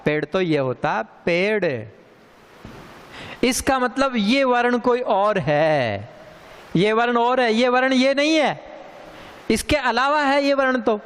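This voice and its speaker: A man teaching a grammar lesson, speaking slowly and deliberately and repeating sounds for emphasis. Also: very high voice, lively intonation, a bit bright, clean tone. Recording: long hall reverb.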